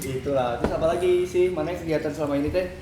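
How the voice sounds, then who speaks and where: A man's voice: on the high side, racing, echoey room, very noisy. A young man co-hosting a podcast, teasing and dropping in English words. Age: young adult. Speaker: podcast co-host. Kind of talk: casual podcast chat.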